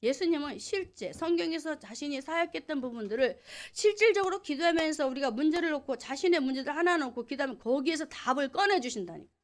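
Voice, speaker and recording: A woman's voice: high voice, lively intonation, quick pace, few pauses. A woman pastor preaching a sermon emphatically, asking the congregation questions.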